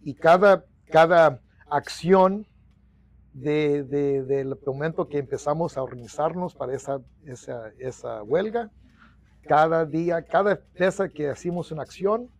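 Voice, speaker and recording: A middle-aged Mexican-American union organizer from the United States tells long stories in Spanish sprinkled with English during an interview, restarting often and gesturing animatedly. His fairly high voice is unhurried with vocal fry, and the lapel mic in a small office gives a dry recording.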